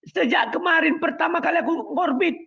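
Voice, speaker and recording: A man arguing heatedly in an online debate, loud, interrupting and scornful. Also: extremely high pitch, brisk, creaky, highs cut off. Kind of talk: heated argument.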